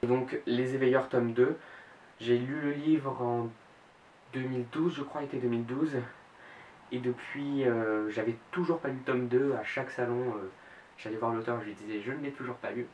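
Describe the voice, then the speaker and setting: Hesitant teenage book vlogger, roomy sound. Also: male voice, medium pitch, fairly even intonation, normal speed, a little mellow, lo-fi sound. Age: late teens. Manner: hesitant, frequent fillers and self-corrections. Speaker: book blogger. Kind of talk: casual book vlog. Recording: roomy echo, mic at a distance, faint background hiss.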